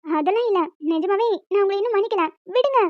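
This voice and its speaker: A flustered young cartoon wife who scolds and pleads in turn, voiced by a woman. Her voice is extremely high. The recording is dry and dull, with a lo-fi sound. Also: fast, no echo. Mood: flustered scolding. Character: shy, feisty young newlywed wife. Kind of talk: cartoon voice acting.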